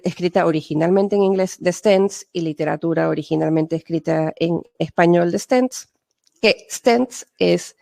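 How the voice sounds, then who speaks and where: A woman's voice: lowish voice, vocal fry, a little mellow, dry recording. A woman from Peru with a Peruvian Spanish accent, giving a webinar lecture on interpreting in a conversational way, full of fillers and tag questions. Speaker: medical interpreter and webinar speaker.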